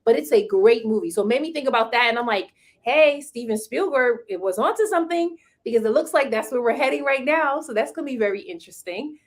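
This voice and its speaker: A woman with a slightly high voice co-hosts a casual conversation. She talks quickly and with enthusiasm and breaks into laughter easily.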